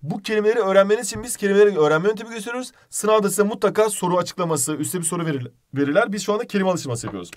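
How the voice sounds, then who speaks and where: Male teacher, quick and animated, wide pitch swings, bantering on a live lesson stream. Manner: lively, joking, mixes Turkish and English. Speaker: English teacher. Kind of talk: live exam-prep lesson.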